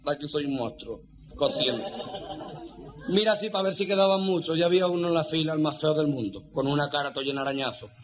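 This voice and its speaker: A man telling joke after joke in a quick, raised voice. His storytelling is rapid and animated, and the recording is dull and lo-fi. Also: a little high, a crowd in the background. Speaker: joke teller. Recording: dull lo-fi sound.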